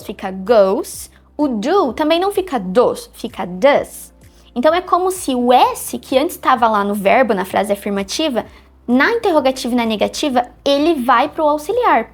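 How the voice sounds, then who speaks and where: A woman with a high, bright voice gives a clear, patient English lesson. She explains step by step and slows down to spell out each example. Soft music plays quietly behind her. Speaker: English teacher.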